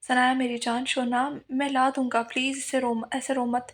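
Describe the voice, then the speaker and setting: A woman voicing a gentle young man who softly comforts the woman he loves. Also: high voice, little pitch movement, normal speed. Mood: soothing. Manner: soft, soothing.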